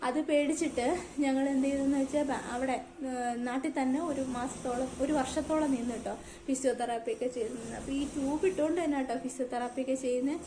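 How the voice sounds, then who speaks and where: Mother telling her story, fast. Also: sits high, fairly even intonation, reverberant, background noise. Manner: emotional, repeats "you know" often. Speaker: vlogger, mother. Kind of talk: personal storytelling to camera.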